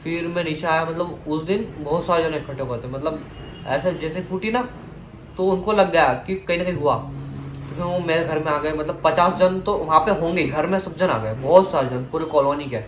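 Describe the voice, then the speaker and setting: A man's voice: fairly high pitch, normal speed, slight background noise. A young man telling a personal story in a casual vlog, rambling with restarts and fillers. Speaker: vlogger. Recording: echoey room with music behind.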